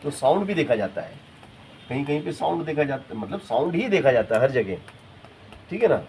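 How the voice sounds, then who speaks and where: A male teacher giving a grammar lesson in a classroom, repeating words slowly and checking with his students. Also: fairly high pitch, very animated, darkish tone. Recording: noisy classroom recording.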